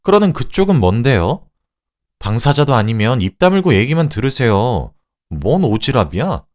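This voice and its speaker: Guy voicing a snide mistress, high pitched, drawls and sneers. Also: big pitch swings, normal speed, natural voice. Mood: sneering. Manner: sneering, sarcastic, shrill when angry. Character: smug, sneering mistress who turns shrill.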